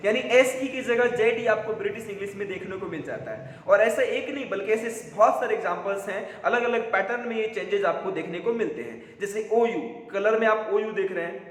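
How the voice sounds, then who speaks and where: High-voiced man teaching in an echoey room. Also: animated. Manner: switches between Hindi explanation and slow, deliberate English example sentences. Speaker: English teacher. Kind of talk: classroom-style lesson explanation. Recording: roomy echo with long reverb.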